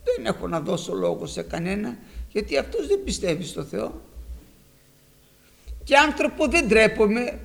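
A preacher doing a callous grumbling judge. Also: male voice, sits high, big pitch swings, gravelly, pauses often, a bit bright, exaggerated voice. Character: callous unjust male judge, annoyed and shameless.

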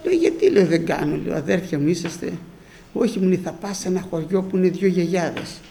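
An older man preaching, telling a personal story in an animated way and acting out the shouting voices of the people in it. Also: high-pitched, gravelly.

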